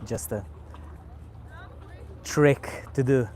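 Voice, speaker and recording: Croatian-accented male host, laid-back outdoor chat, mid pitch, faint ambience behind. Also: slight background noise. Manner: relaxed, unhurried, repeats words while thinking. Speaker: cigar channel host. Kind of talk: casual live-stream chat. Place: outdoors on a vacation island by the sea.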